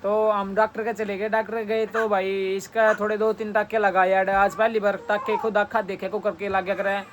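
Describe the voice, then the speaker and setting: A young vlogger with a Haryanvi accent chats casually with viewers and family at home, telling stories and calling viewers brother. His voice sits high with little pitch movement at a moderate pace, over a noisy background.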